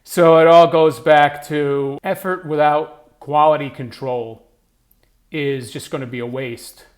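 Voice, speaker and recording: A man's voice: on the high side, fairly even intonation, takes it slowly. A man who writes gives advice in a casual, rambling monologue full of "like" and "you know". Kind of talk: casual talking-head monologue.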